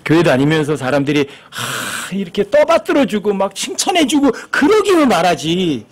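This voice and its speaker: A man's voice: sits high, wildly swooping pitch, moderate pace. A man preaching a sermon as pastor, asking the congregation questions and acting out the lines he quotes.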